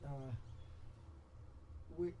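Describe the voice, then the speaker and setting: This muffled recording captures an older American storyteller speaking live at a festival, with the noisy crowd ambience audible. He rambles and halts through his stories, breaking into fervent digressions peppered with salty language.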